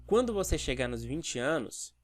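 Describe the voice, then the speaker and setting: In a video math lesson, a man with a slightly high, sing-song voice walks through each step at normal speed, posing rhetorical questions to the viewer. The recording is dry and close, with almost no room reflection.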